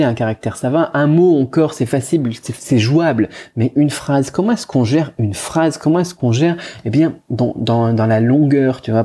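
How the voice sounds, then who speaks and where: Informal French-speaking male teacher, husky. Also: medium pitch, mellow. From France. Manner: informal, repeats himself, many fillers and restarts. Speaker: Chinese language teacher. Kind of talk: casual spoken course pitch.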